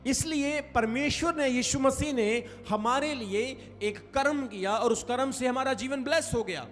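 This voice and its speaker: Very high-pitched and fairly bright, a male preacher speaks a little slowly to the congregation. He emphasizes and lengthens important phrases and calls out for replies, with faint music drifting through the reverberant hall.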